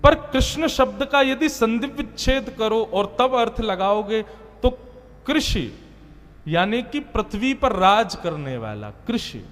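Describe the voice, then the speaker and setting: High-voiced man telling a devotional story. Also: takes it slowly. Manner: expressive storytelling with chanted Sanskrit verses. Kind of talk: sermon. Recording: long hall reverb with soft music behind.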